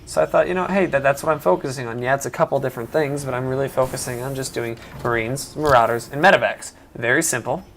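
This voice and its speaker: A man's voice: mid-range voice, fast talker, creaky, hardly any pauses, a bit bright, a little hiss or hum. A man casually commentating his own strategy game match, rambling and often correcting himself. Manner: rambling, self-correcting, chatty.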